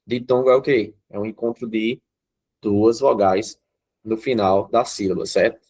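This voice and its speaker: Brazilian guy teaching grammar online, explains things slowly, keeps asking "right?". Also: lowish voice, steady tone, a little mellow. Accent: Brazilian Portuguese. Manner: explanatory, checks in with students often.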